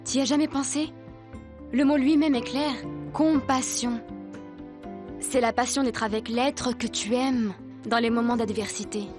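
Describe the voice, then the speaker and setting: A lovesick, persistent woman, as an actress plays her, with a somewhat high, soft and persuasive voice. She presses her feelings with gentle insistence. Soap music runs underneath. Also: steady tone, unhurried, long pauses, natural voice. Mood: tender. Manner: tender, persuasive. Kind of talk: dubbed telenovela acting.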